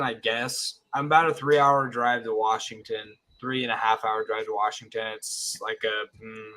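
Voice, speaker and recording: A man's voice: medium pitch, pushed and bright, rough recording. A man in his twenties from Oregon, bluntly arguing about college football in a casual chat. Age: 20s. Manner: blunt, opinionated, laughs easily.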